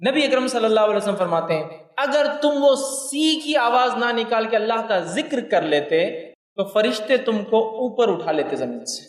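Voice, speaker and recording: A high-voiced man preaches a religious lecture. He repeats each point and speaks straight to his listeners. The sound rings through a large hall from a distance. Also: animated. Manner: repeats points for emphasis, addresses listeners directly. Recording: echoey hall, mic at a distance.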